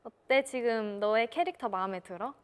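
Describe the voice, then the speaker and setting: A woman's voice: on the high side, normal speed, smooth. A young woman in casual conversation, encouraging and leading the talk with questions. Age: young adult. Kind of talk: casual chat.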